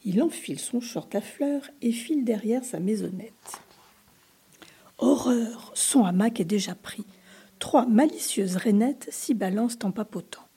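A woman reads a children's story aloud in a whispered storybook reading, hushed and expressive. Her voice is very breathy and airy, with a mellow warmth, and sits a little high. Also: unhurried.

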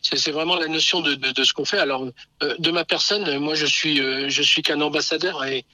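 Guy on speakerphone for a radio chat, really bright sharp voice, lots of ums and restarts. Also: on the high side, fairly even intonation, fairly quick, no echo, rough recording. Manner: hesitant, many fillers and restarts. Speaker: radio guest. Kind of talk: phone interview.

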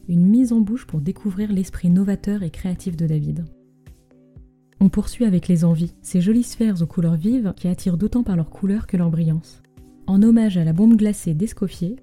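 A woman's voice: mid-range voice, dark tone. A woman narrating a scripted story as a podcast host, speaking close and intimately into the microphone.

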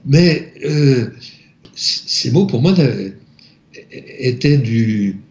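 Soft-spoken guy talking real slow, stops and restarts a lot, sounds a bit dull. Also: mid-range voice, animated. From France. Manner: halting, searching for words, soft-spoken. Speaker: interview guest. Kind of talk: recounting a personal spiritual experience. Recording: echoey, slightly dull room recording.

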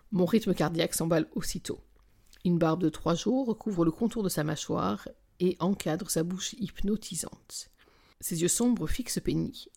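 A woman's voice: fairly low pitch, creaky, mellow. A woman reading a romance novel in the first person, with wry, intimate storytelling that sometimes drops to a whisper. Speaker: audiobook narrator.

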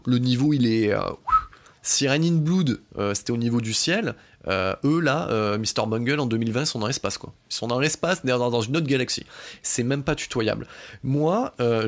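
Man, podcast host, casual album review, mid pitch, excitable, swears a lot, lots of fillers. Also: creaky. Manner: excitable, swears often, many fillers and restarts.

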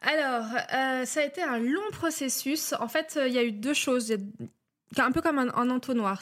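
Hesitant, chatty woman coach as guest. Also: on the high side. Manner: talkative, many hesitations, a bit nervous. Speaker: guest, life and breathwork coach. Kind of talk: casual interview chat.

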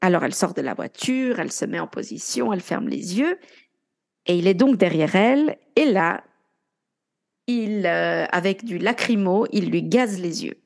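A woman's voice: fairly low pitch, expressive, moderate pace, vocal fry. A young woman co-hosting a podcast, casually retelling a true-crime story and chatting along with her co-host. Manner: chatty, retells events with quoted dialogue.

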